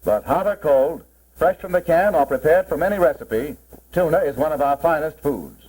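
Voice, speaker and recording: A man's voice: a little high, expressive, normal speed, darkish tone, husky. A man presenting as a proud company spokesman, narrating a 1940s promotional film in a formal, salesmanlike style. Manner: formal, salesmanlike, mid-century narrator delivery. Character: company man presenting his product with pride. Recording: muffled, worn 1940s film soundtrack.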